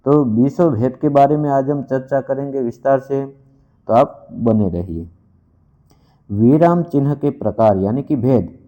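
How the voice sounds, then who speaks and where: A man's voice: mid-range voice, a little slow, warm tone. A man teaching a lesson to camera, repeating himself often and correcting himself as he goes. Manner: repeats itself, with fillers and self-corrections. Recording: dull lo-fi recording.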